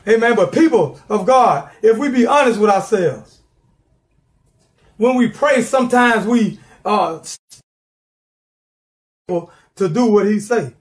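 A middle-aged man preaching a sermon from his living room, fervent and repeating words as he builds, calling for responses. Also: extremely high pitch.

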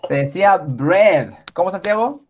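Slow, patient male teacher. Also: high-pitched, animated. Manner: slow, patient, praising often. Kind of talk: online class for young children.

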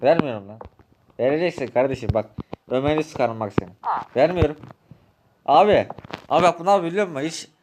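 A man with a slightly high voice, trading quarrelsome, taunting lines in a game role-play. His talk is rough and full of slang, with a faint hiss of noise under it. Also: lively intonation, a little fast, pauses often. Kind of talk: Minecraft role-play banter.

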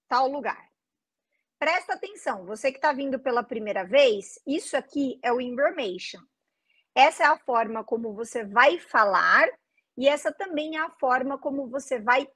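A young woman with a bright, high Brazilian Portuguese accent leads an English lesson with lively, coaxing energy. She repeats each phrase slowly and urges her students to say it with her. The recording is dry and close. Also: dry recording. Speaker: English teacher. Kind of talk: online English pronunciation lesson.

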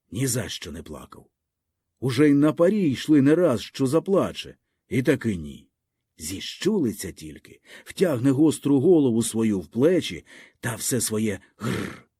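A man's voice: mid-range voice, mellow, slightly rough, no room sound, clean studio sound. A man reading a literary story aloud as an audiobook narrator, telling it expressively and vividly.

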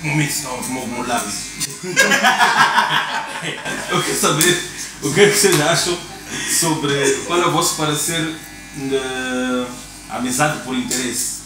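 A man with a Mozambican Portuguese accent hosting a relaxed, casual chat and often chiming in with brief agreement. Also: medium pitch, takes it slowly, long pauses, over music. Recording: echoey room from far off with noise.

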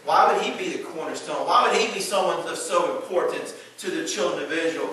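High-voiced preacher man in echoey hall. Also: a little fast, far from the mic. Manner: preaching with Bible readings, builds to shouts. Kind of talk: sermon.

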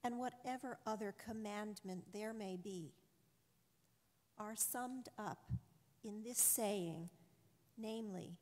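Woman reading scripture real slow and solemn, big cathedral echo all around. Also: mid-range voice, darkish tone. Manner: measured, solemn reading aloud. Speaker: lector. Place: large church. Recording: long church reverb.

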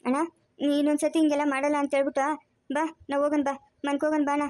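A woman voicing a soft-hearted grandmother begging tearfully in a family cartoon. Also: high voice, completely flat delivery, very fast, no room sound, clean studio sound, close to an everyday voice. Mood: pleading.

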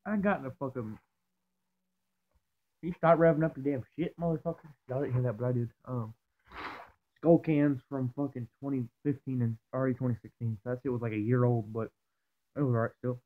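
A young man with dip tucked in his lower lip, talking in a loose, profane, rambling way in a casual vlog. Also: steady tone, fairly quick. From Georgia, US. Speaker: vlogger. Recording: tinny phone-like audio.

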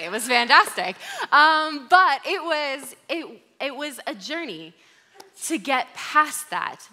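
Woman, American accent, pastor, conversational sermon, candid storytelling, bright tone, slightly high voice. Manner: candid personal storytelling, animated in retelling.

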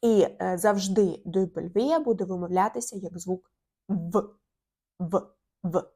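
A woman's voice: mid-range voice, a little mellow, slightly rough. A young woman teaching an online language lesson, repeating each letter and word and drawing out the sounds. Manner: slow, drawn-out demonstration of sounds.

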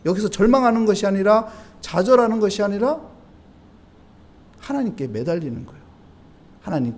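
Male pastor with a Busan accent, high and animated, preaching at dawn and asking the congregation questions. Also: a little hiss or hum. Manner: preaching with rhetorical questions and acted-out prayers. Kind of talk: dawn service sermon.

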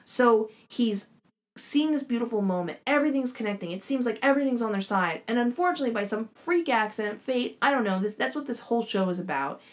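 A young woman talks through a plot recap in a loose, excited, rambling way, with casual swearing along the way. Her voice sits at an ordinary middle pitch for a woman. It sounds like a casual host's chat. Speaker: show host reviewing a series.

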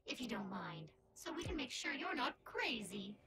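A woman's voice: a little high, very animated, normal speed, creaky. A woman voicing a female AI helper computer with a sweet, condescending chirpiness. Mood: sugary.

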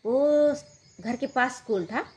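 A woman's voice: sits high, animated, takes it slowly, husky. A woman telling a true-life story in a casual, rambling way. She uses lots of fillers and keeps asking "what happened next" as she goes.

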